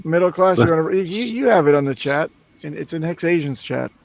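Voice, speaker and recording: The man's voice sits a little high for a man. He co-hosts a loose livestream chat, teasing the others and laughing often. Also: lively intonation, a little fast, creaky. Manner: joking, teasing, bursts of laughter. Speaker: co-host.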